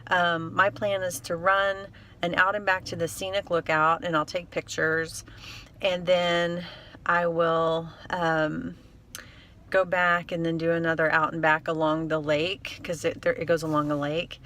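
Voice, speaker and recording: A woman's voice: lowish voice, flat delivery, measured pace, pushed and bright. A woman chatting casually in a rambling, upbeat, self-deprecating way, like a trail running vlogger talking to her followers. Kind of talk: casual vlog chat to camera.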